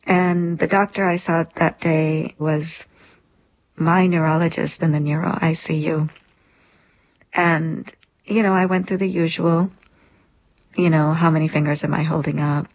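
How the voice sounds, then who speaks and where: A woman's voice: on the low side, steady tone, unhurried. A woman in her thirties, an interview guest, telling a personal story in an earnest, reflective way. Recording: lo-fi dull sound.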